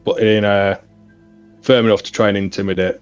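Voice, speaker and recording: Player: a blunt man with a low voice, slightly dull sound, faint music. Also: little pitch movement, fairly quick, clean tone. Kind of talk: casual tabletop play.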